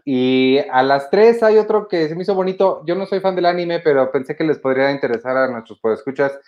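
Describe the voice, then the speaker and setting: A podcast host speaking at a middle pitch, opinionated and casual as they run through the listener questions. The recording sounds dull and a little lo-fi. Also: lively intonation, fairly quick. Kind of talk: casual chat.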